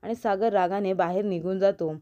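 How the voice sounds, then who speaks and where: Woman narrator telling an episode recap in a steady voice; warm, a little muffled. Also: mid-range voice, brisk. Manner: steady retelling that carries on straight into each character's quoted lines. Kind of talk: storytelling recap of a TV serial, reading out every character's lines.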